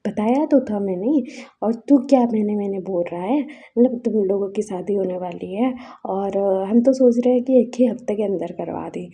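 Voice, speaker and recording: A woman voicing a domineering mother who brushes her son off briskly, with a husky, dark tone. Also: mid-range voice. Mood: dismissive. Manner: brisk, dismissive.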